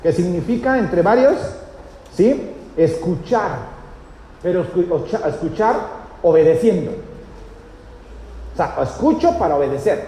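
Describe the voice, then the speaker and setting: A man's voice: sits high, animated, measured pace, pauses often, dark tone. A male pastor, teaching a sermon and often checking with the congregation. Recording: echoey church hall, faint noise.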